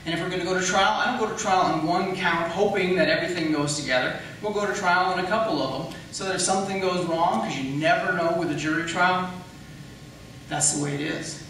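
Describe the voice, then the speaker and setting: With a high, fairly bright voice and a fairly quick pace, a county attorney candidate rebuts his opponent during a public debate, reasoning step by step and asking questions. The recording comes from a distant mic in a large echoey room, with faint noise.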